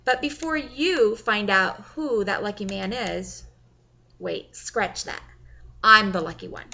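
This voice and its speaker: Bright-voiced woman audiobook narrator. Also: mid-range voice, slow, gravelly, lo-fi sound. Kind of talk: first-person audiobook narration.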